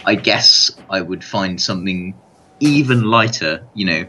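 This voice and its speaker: A man talking in a measured way on a podcast, hedging often with "sort of" and "kind of". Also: sits low, pushed and bright, slight background noise. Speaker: podcast panelist. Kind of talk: casual podcast chat. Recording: dull lo-fi sound.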